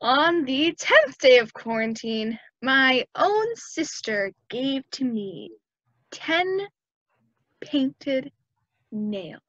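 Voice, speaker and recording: A woman giving a hammy, theatrical dramatic reading of a parody carol, with drawn-out words and sung flourishes. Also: sits high, expressive, fairly bright tone, dry recording. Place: dark room at home. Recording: dull lo-fi video-call audio.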